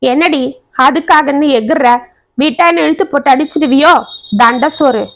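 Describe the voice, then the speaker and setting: ஒரு பெண் கதைசொல்லி, சண்டைக்கார இளம் மருமகளின் குரலில் ஏளனமாகக் கத்திப் பேசுகிறார். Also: female voice, sits high, moderate pace. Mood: scornful shouting. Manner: scornful, shouting, insulting. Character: sharp-tongued young wife, quarrelsome daughter-in-law.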